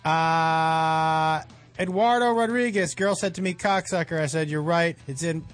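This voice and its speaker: A man's voice: a little high, unhurried, clean tone, soft background music. A man hosting a podcast, reading listener tweets aloud in a loose, laughing way while his voice echoes as if he were in a tunnel. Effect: echoing tunnel sound, as if calling in from a tunnel. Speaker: podcast host. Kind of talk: casual chat. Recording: distant echoey sound from a tunnel.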